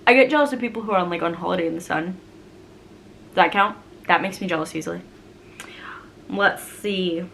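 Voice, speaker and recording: A woman's voice: lowish voice, brisk, gravelly, pauses often, fairly bright tone, a little hiss or hum. A young woman vlogger in a casual chat answering viewer questions, rambling and chatty with frequent laughs.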